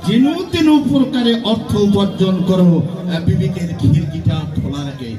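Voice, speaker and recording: A man acting a lecherous, boastful, menacing villain in hammy, declamatory folk-theatre style, with drawn-out words and sudden swells. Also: sits high, big pitch swings, far from the mic. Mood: scornful, commanding. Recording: echoey stage PA from afar, music, crowd.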